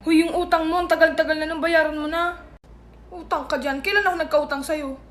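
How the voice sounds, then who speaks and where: A woman acting out comic family sketches, trading quick, bickering lines. Her voice sits high, with faint background noise behind it. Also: fairly even intonation, a bit bright. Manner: bickering, quick back-and-forth. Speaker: comedy skit creator.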